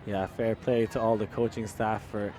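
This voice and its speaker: A man's voice: flat delivery, moderate pace, background noise. Irish man commentating a live game. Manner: rises in pitch and volume on big plays, chatty with fillers.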